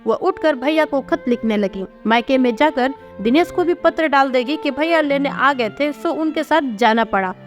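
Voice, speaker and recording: A woman narrating a family story in a steady, expressive reading voice. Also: high voice, moderate pace, few pauses, soft background music.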